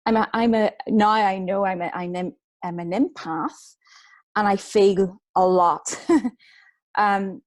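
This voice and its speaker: A middle-aged woman with a Northern Irish accent, an author telling her personal story in a soft, reflective way. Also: mid-range voice, takes it slowly. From Northern Ireland. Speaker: guest speaker, author and book coach.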